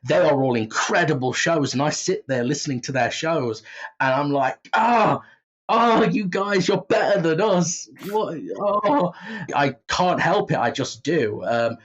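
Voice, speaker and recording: With a voice on the high side and lively intonation, a man speaks unhurriedly as an interview guest, an audio drama writer and creator in a casual conversation. He pokes fun at himself and tends to act out his own thoughts, and the recording comes across slightly dull and muffled.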